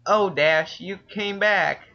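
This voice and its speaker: A man's voice: high-pitched, slow, creaky, pushed and bright, pitched above the performer's own voice, exaggerated voice. A man voicing a giddy, lovestruck female farm pony in a raised, over-eager squeal, on a lo-fi voice call.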